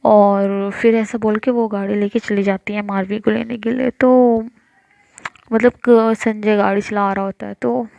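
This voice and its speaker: A woman's voice: medium pitch, level tone, unhurried, gravelly, darkish tone, dry recording, dull audio. A woman telling a love story in casual narration, rambling with many filler words and self-corrections.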